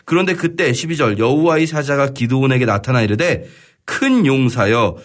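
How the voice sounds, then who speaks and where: A man teaching a Bible study on the radio, reading verses and explaining them in a conversational way, often pausing to search for words. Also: mid-range voice. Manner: reads scripture aloud, then paraphrases it conversationally.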